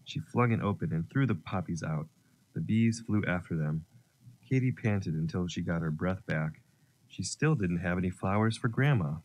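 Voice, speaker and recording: A man narrating a children's story, gentle and expressive. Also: deep voice, normal speed.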